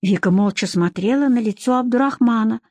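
A woman narrating an audiobook with a lively, expressive reading. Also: a little high, brisk, no room sound.

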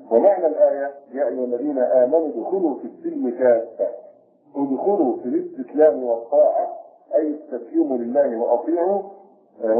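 Lecturing sheikh on a tinny echoey tape. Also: male voice, mid-range voice. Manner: measured, repeats key phrases to explain. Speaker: sheikh teaching Quran commentary. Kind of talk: religious lecture.

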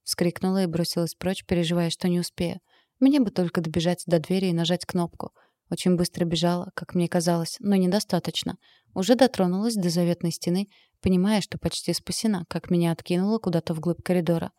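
A woman reads a first-person audiobook in an even, steady way. Her voice is low and warm-toned. The recording is close and dry. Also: fairly quick, no room sound. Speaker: audiobook narrator.

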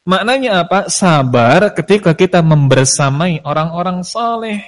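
Man giving a fairly high-voiced religious talk. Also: lively intonation. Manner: explains verses slowly, then acts out everyday quarrels. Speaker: Islamic religious teacher. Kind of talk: religious lecture to students.

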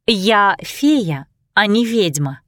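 A woman's voice: mid-range voice, big pitch swings, extremely slow, fairly bright tone, dry recording, studio quality, heavily acted. A woman reading aloud, voicing an earnest young fairy girl who asks questions and stands her ground.

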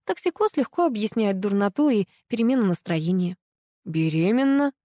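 A woman narrating a first-person audiobook with lively, ironic storytelling. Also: mid-range voice, normal speed, no room sound, clean studio sound.

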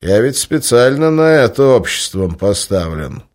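A man voicing an old, sickly male crime boss, sly and cruel, with a creaky voice and slow, weighty speech. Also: medium pitch, sing-song, pitched above the performer's own voice. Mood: commanding. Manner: slow, drawn-out authority.

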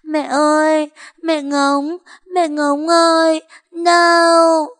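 A woman voicing a small tearful girl who clings and pleads in a high, wailing voice. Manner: high wailing child voice, drawn-out calls.

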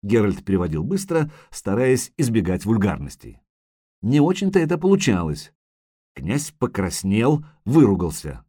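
A man narrating a fantasy story as an audiobook in an expressive storytelling manner. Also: fairly low pitch, normal speed, husky, no room sound, clean studio sound.

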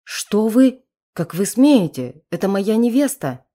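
A woman voicing an angry young groom in an audiobook, strained with rage, speaking a little lower than her own voice. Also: very animated, takes it slowly, dark tone, full character voice. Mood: outraged. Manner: strained with anger. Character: betrayed young male groom, furious then weak-willed.

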